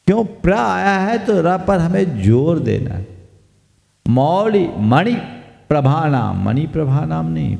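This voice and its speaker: A male monk delivers a sermon at a slow, deliberate pace, stopping to quiz his audience. His voice is dark and gravelly. It rings out with a long reverb in a hall. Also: on the high side. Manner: slow, teacherly, quizzes the audience. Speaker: Jain monk preacher. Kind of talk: sermon discourse.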